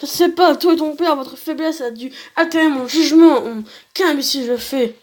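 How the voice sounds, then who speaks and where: A man's voice: very high-pitched, normal speed. A young man voicing a proud, stern male alien warrior who speaks in terse commands. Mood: rueful.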